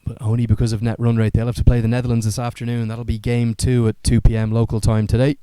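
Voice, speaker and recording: A man's voice: medium pitch, monotone, fast, warm tone, smooth, dry recording, clean studio sound. A man giving live cricket commentary as a play-by-play commentator, with fluent, articulate broadcast delivery.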